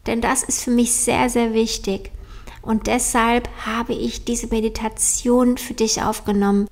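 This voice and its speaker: A woman with a slightly high voice gives a personal introduction to a meditation. She speaks as a coach, gently and encouragingly, straight to the listener. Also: flat delivery, unhurried.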